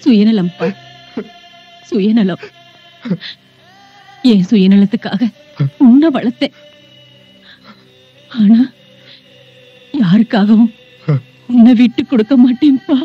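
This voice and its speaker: Film drama: a gentle, guilty foster mother, husky, muffled audio. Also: fairly high pitch, slow pace, long pauses, no room sound, soft background music. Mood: soothing. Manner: soothing, pleading. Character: loving middle-aged foster mother, soothing and guilty.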